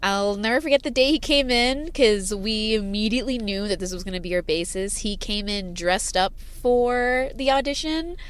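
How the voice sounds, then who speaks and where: In a parked car, a guest singer-songwriter for a band, whose first language was sign language, chats casually, rambling with many fillers and laughs. She talks at a moderate pace with hardly any pauses in a clear, resonant, mid-range voice.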